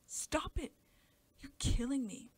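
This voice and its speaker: A woman's voice: sits high, expressive, takes it slowly, pitched above the performer's own voice. A woman voicing a wild, terrified young girl who screams and pleads in a story reading. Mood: screaming.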